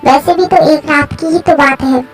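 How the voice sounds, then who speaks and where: A woman's voice: sits high, fairly even intonation, moderate pace, soft background music, lightly acted. A woman voicing a frightened, stubborn young woman in a fan story, refusing and anxious by turns. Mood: reassuring.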